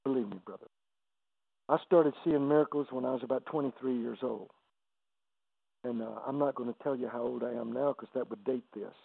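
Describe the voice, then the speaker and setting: A man in his seventies, an evangelist guest, telling emotional testimony stories on a radio interview, halting and repeating words as he goes. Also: medium pitch, creaky, breathy edge, dry recording. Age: 70s. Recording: dry, phone-like radio line.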